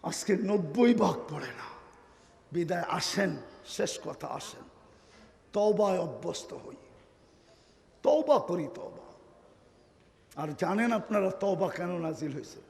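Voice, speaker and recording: A man preaching a waj sermon, fervent, firing rhetorical questions at the crowd and swinging from soft to loud. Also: sits high, normal speed, creaky. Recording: long hall reverb.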